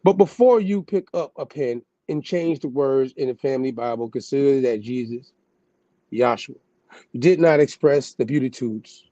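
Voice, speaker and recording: Laid-back slangy man, mellow dull sound. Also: mid-range voice, moderate pace, dry recording. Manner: loose slangy asides, calling the listener "God". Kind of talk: casual talk mixed with reading aloud.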